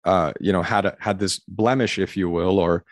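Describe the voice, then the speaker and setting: Guest: a low-voiced man in his thirties, earnest and reflective, dry close sound. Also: steady tone, normal speed, dry recording. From Los Angeles, USA. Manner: earnest, reflective, many "you know" fillers. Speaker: podcast guest, admissions consultant. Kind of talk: conversational interview answer.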